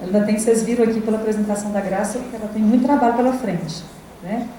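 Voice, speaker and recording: A woman's voice: mid-range voice, rapid-fire, warm tone. A middle-aged Brazilian woman giving a university lecture to teachers, talking casually with frequent tag questions and fillers. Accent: Brazilian Portuguese. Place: lecture hall. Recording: echoey hall, distant, faint noise.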